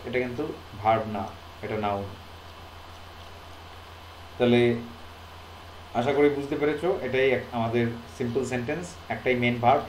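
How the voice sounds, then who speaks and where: This is a man with a Bengali accent teaching a grammar class, his voice sitting at an ordinary middle pitch. He dictates English sentences very slowly and keeps asking questions that he answers himself. The room gives a noticeable echo, with a faint hiss behind him. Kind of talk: explaining grammar to students. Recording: roomy echo.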